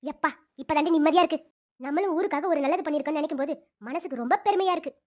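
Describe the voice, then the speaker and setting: A woman's voice: high-pitched, very fast, a little mellow, close to an everyday voice. Woman voicing smug gossiping village women. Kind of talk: cartoon dubbing.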